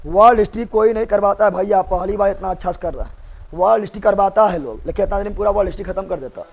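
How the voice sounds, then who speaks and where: A man with a Bihari accent teaching a live exam-prep history class, animated, often repeating questions and acting out quotes in rustic dialect. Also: high voice, racing, gravelly. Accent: Bihari Hindi.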